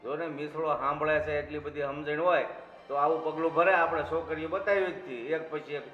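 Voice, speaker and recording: A man's voice: medium pitch, fairly even intonation, moderate pace, natural voice. A middle-aged man acting as a father who lectures and scolds about what society will say. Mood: scolding. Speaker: father in a family drama. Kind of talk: Gujarati short-film acting. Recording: echoey long-reverb room, dull sound, faint music.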